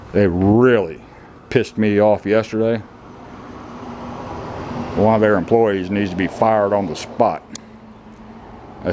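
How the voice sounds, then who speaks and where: A man's voice: fairly low pitch, a little mellow, slight background noise. A man on a casual DIY vlog, talking bluntly with plain rural slang while showing off a concrete floor in an old kennel building. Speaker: DIY vlogger.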